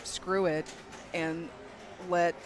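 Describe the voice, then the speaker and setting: High-voiced guy on color commentary, easygoing, cracks jokes, lots of quick yeahs. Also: level tone. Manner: easygoing, joking, quick short agreements. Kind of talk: live tournament commentary.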